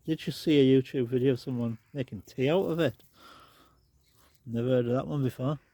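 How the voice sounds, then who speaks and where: A man's voice: medium pitch, brisk, no room sound. A man with a stuffed-up, nasal voice, chatting casually as he walks around his garden, filming on a handheld phone. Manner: chatty, rambling, relaxed asides. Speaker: garden vlogger. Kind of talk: casual walk-and-talk. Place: outdoor garden.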